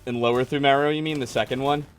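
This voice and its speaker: This man hosts a casual call-in gaming stream, bantering and mock-arguing with callers about video games and swearing casually. His pitch is medium, his intonation fairly even, and he talks quickly.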